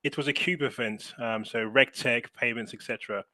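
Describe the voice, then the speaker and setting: Animated man telling a story on a call. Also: mid-range voice, fairly quick, no room sound. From London. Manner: animated storyteller, laughing, acting out quoted voices. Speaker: webinar panelist, fintech managing director. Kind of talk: casual anecdote on a webinar. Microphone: video call.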